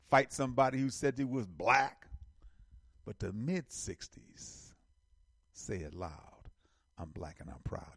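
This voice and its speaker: Gravelly, husky man giving emphatic commentary. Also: medium pitch, no room sound, clean studio sound. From United States. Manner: emphatic, repeats phrases, lists building in force. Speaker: online show host. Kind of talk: casual commentary reading an article.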